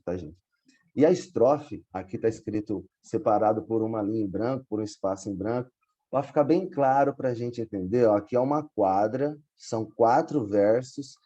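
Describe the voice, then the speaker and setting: A man's voice: medium pitch, warm tone. A man teaching a poetry workshop over a video call, explaining step by step and often checking in with his students. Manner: patient, explains step by step with frequent check-ins. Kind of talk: online class explanation.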